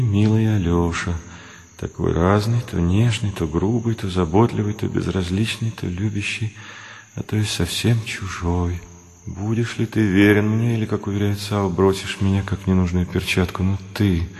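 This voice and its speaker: A man voicing an emotional woman devoted to her lover, speaking softly and from the heart. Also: fairly low pitch, vocal fry, long reverb tail.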